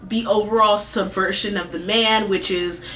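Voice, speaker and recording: A woman's voice: mid-range voice, fairly even intonation, moderate pace, fairly bright tone. Distant-miked woman giving a rambling casual review. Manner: informal, sweary. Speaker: movie reviewer and host. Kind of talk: casual commentary with rambling asides. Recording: distant mic with faint background noise.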